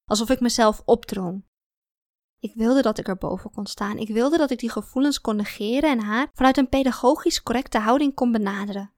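Audiobook narrator: woman, confiding first-person reading, fairly high voice, dry close recording. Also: fairly quick, darkish tone, dry recording. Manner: confiding, introspective storytelling.

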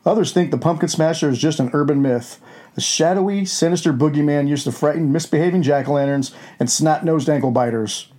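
A man's voice: a little high, fairly quick, warm tone, close to an everyday voice. A man playing a gleefully crude wolfman who hosts a campy horror show with hammy, scripted storytelling. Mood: gleeful, ghoulish.

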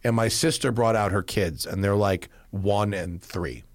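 A man's voice: lowish voice, no room sound. A man hosting a podcast, reading listener questions and chatting casually. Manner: reads listener questions, quick to agree. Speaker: podcast host. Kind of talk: casual chat.

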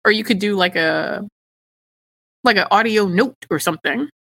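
A woman's voice: mid-range voice, moderate pace, sharp tone, dry recording. A woman co-hosting a casual podcast chat, rambling a little and restarting her sentences as she thinks aloud. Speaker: co-host, physician.

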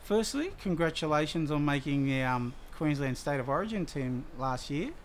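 A man's voice: a little high, lively intonation, moderate pace, a little hiss or hum. A man with an Australian accent hosting a casual sports interview in an informal, chatty way. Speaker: interviewer, host.

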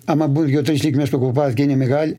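A livestock farmer from Imathia, answering interview questions in detailed, steady storytelling. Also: male voice, on the high side. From Imathia, Greece.

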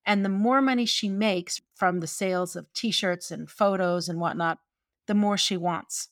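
A woman from gives conversational opinion commentary on film, expressive and opinionated, with wry asides. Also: medium pitch, unhurried, no echo, studio quality. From Newfoundland, Canada.

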